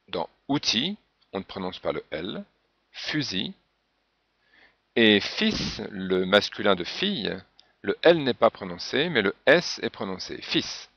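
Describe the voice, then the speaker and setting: French teacher guy going word by word, real slow, lowish voice, muffled dry lo-fi sound. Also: vocal fry, fairly bright tone, no room sound. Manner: patient, spells out example words one by one. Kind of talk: slow pronunciation lesson. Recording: dull, dry lo-fi recording.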